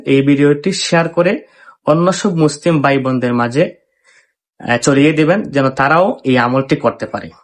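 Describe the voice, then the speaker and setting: A man giving earnest, measured religious instruction as an Islamic preacher, reciting short Arabic verses slowly. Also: medium pitch.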